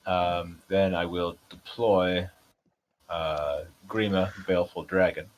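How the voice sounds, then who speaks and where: A man with a New England accent, laid-back and dryly joking while he plays a card game. His voice sits very deep and low. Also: flat delivery, slow, low-quality recording. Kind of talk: casual chat while playing a card game.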